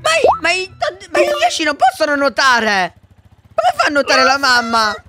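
A man voicing an excitable little boy who thinks he is Mario, shouting and apologizing by turns in a Minecraft roleplay. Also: very high-pitched, normal speed, full character voice. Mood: eager. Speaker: roleplay video maker. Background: background music.

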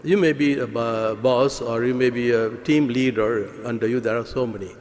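An older man, a priest, giving a homily at Mass, earnest and halting with many fillers, speaking into a stand mic at the lectern. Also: mid-range voice, steady tone, darkish tone, slight background noise. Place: church sanctuary, indoors. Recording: reverberant church hall.

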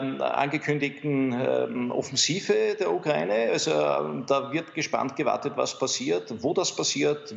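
A man talks through poll numbers on a TV studio set, stopping often to restart his sentences and fill gaps with small hesitations. His voice carries a gravelly, creaky edge, and the broadcast sound is a little muffled. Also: medium pitch. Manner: hesitant, many fillers and restarts. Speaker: pollster guest expert. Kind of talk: studio interview analysis.

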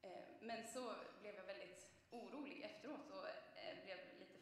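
Young female preacher, chatty sermon full of pauses, roomy church sound with faint background noise. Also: mid-range voice. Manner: storytelling, frequent hesitations. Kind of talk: conversational sermon. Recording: echoey church from a distance.

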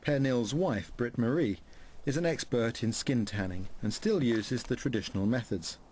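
Calm male documentary narrator. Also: mid-range voice, normal speed, slight background noise. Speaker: presenter narrating.

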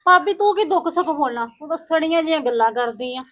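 A woman's voice: high-pitched, expressive, fast talker, fairly bright tone. A woman playing a proud married sister visiting her brother's home, haughty and complaining in a family skit. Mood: sulky.

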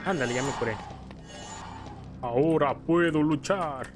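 A gaming video creator with a Mexican accent and a rather high voice jokes his way through a video game playthrough at an unhurried pace. His commentary is casual and playful, sprinkled with exclamations over the game's music.

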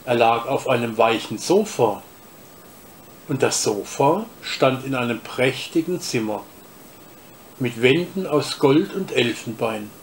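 A man reading a children's story aloud, slowly and deliberately. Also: mid-range voice, lively intonation, slight background noise. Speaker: reader of a story.

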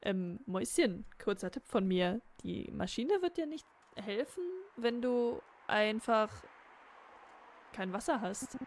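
A woman's voice: medium pitch, lively intonation, slow pace. A woman casually commenting on a game she plays, with sarcastic, grumbling asides. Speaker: Let's Play host.

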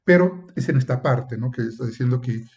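A man's voice: medium pitch, a little fast, darkish tone, dull audio. A man lecturing as a professor, explaining at length with frequent filler sounds and acting out short example exchanges. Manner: acts out short example dialogues. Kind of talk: university lecture.

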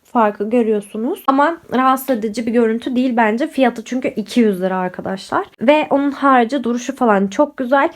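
A young woman vlogger chats casually to camera about clothes she bought, in a haul-and-review style. Her voice is slightly high and fairly quick, a bit off because she's sick, and she talks directly to her viewers in a chatty way with lots of fillers.

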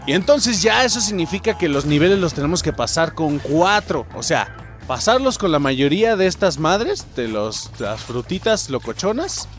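A man's voice: on the high side, normal speed, soft background music. A young man with a Mexican accent giving casual let's-play commentary, swearing and yelping at his mistakes and talking straight to his viewers. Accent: Mexican Spanish. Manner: excitable, swears and yelps at mistakes, talks to viewers. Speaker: gameplay streamer.

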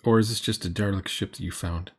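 A middle-aged man gives exasperated, sarcastic, blunt commentary while reacting to a tabletop roleplaying video. He talks fast in a low, husky voice with fairly even intonation.

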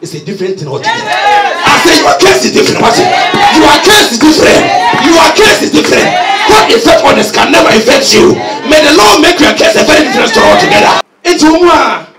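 A middle-aged man, preaching a sermon in Twi and English on a handheld mic, energetic and often shouting. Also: extremely high pitch, fairly quick, loud music behind the voice, over a noisy crowd. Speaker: head pastor. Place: church hall with carpeted floor. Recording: echoey hall recorded from a distance.

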